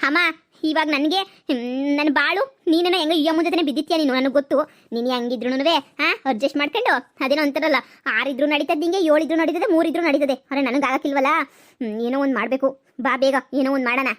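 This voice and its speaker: Reproachful young daughter in a cartoon comedy, played by a woman, high voice. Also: fairly even intonation, fast talker, natural voice. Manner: reproachful, scolding.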